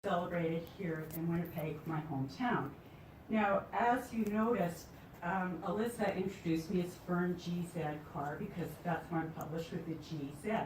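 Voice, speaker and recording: A woman's voice: medium pitch, a little mellow, a little hiss or hum. Woman poet in an echoey room. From Canada. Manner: chatty, storytelling with light humor. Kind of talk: live poetry reading with chatty introductions. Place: venue with live audience. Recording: echoey room, distant mic, faint ambience.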